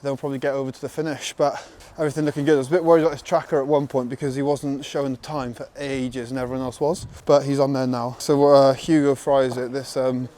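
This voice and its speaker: A man giving a relaxed, rambling vlog update as a supporter. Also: mid-range voice, fast, few pauses. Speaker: runner's friend and supporter. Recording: outdoor vlog with faint background noise.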